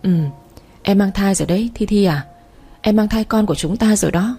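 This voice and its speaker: A woman voicing a gentle, caring young husband in a romance audiobook, with a soft, soothing delivery. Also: mid-range voice, fairly quick, husky, faint music behind. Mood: tender.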